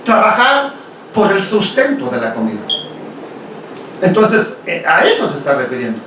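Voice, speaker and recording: High-voiced man teaching in an echoey hall. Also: wildly swooping pitch, normal speed. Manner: conversational, asks rhetorical questions, tags "ok?". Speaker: congregation teacher. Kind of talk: Bible study lecture. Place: congregation meeting hall. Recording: very echoey hall from far off, faint hiss.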